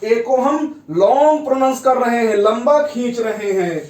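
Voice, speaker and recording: High-voiced man teaching in an echoey room. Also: unhurried, a little mellow, far from the mic. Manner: repetitive, checks with "ठीक है ना". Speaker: shorthand teacher. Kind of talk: classroom lesson explaining at a board.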